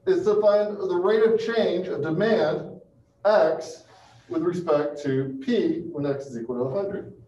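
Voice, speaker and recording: Recorded from afar by a camera mic, the audio is muffled, roomy, and hissy as a man in his thirties lectures on calculus in a small classroom with a chalkboard and projector. His mellow voice sits high, and he speaks in halting phrases, working through steps aloud and often checking on his listeners.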